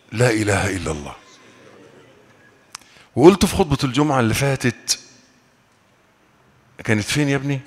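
A man with an Egyptian accent preaching a sermon. He moves between slow, drawn-out prayers and quick, colloquial remarks to his listeners. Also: on the low side, fairly bright tone. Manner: fervent, alternating slow prayer with quick colloquial asides to the audience. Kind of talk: mosque sermon and lesson. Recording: long reverb of a large hall.

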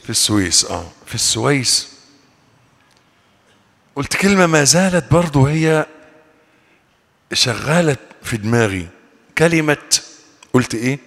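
A man with an Egyptian accent preaching a sermon. He moves between slow, drawn-out prayers and quick, colloquial remarks to his listeners. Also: medium pitch, expressive, vocal fry, a bit bright. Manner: fervent, alternating slow prayer with quick colloquial asides to the audience. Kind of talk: mosque sermon and lesson. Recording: long reverb of a large hall.

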